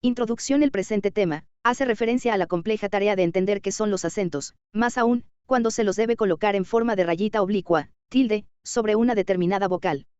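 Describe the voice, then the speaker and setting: A woman narrates a scripted lesson in a smooth, clean voice. The sound is dry and close, with a slightly dull, lo-fi tone. She keeps a measured pace and slows down when she lists example words. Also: medium pitch, darkish tone, dry recording. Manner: measured, reads word examples slowly. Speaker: teacher.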